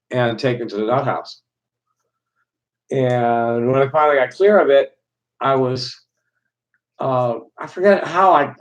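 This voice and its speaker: Middle-aged Chicago man, live-stream host, rambling and halting delivery. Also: medium pitch, poor audio. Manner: halting, many restarts and fillers. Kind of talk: rambling casual monologue to chat.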